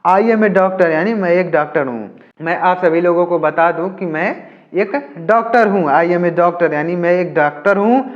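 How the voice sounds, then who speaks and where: A man's voice: sits high, moderate pace, dull audio. A man teaching English by reading a story aloud, then explaining each word in Hindi.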